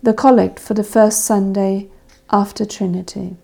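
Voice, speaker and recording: A woman leading a church service, reading scripture and prayers in a measured, solemn intoning manner. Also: mid-range voice, fairly even intonation, vocal fry, warm tone. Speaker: service officiant. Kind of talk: liturgical reading of evening prayer.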